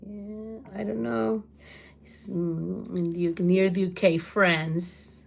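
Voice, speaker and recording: A middle-aged Portuguese woman with a Portuguese accent, chatting loudly to her livestream viewers from her home kitchen, laughing often. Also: fairly low pitch, fairly even intonation, takes it slowly, gravelly. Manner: loud, laughs often, exclaims. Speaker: livestream host. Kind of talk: casual livestream chat answering comments.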